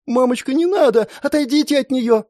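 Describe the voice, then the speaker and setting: A man's voice: a little fast, darkish tone, dry recording, clean studio sound. A man voicing a scared young boy who begs tearfully for his mother. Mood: pleading. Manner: tearful, begging, shrill.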